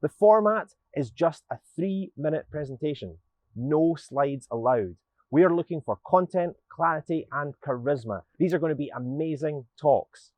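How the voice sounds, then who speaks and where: A man's voice: a little high, moderate pace, darkish tone, no echo. A Scottish man from Glasgow hosting an international science communication competition, with an upbeat, welcoming, scripted delivery. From Scotland. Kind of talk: scripted presenting to camera.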